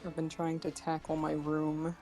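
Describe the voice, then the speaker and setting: A woman's voice: sits low, completely flat delivery, normal speed, music in the background. A woman chatting casually over voice chat, her voice tinny and hollow as if she were speaking into a can. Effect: tinny voice-chat mic that sounds like speaking into a can. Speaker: voice-chat guest.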